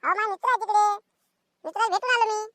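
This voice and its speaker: A woman's voice: very high-pitched, rapid-fire, a bit bright, no echo, clean studio sound. A woman voicing a lazy, cheeky, phone-obsessed village son in a cartoon comedy, whining and talking back.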